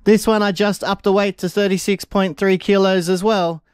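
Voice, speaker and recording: This vlogger's voice is high, steady in tone, and smooth, at a moderate pace, with a dry recording and clean studio sound. Holding an action camera, he casually and upbeatly narrates his workout while poking fun at himself, in the gym indoors and outdoors by a car, with background music playing.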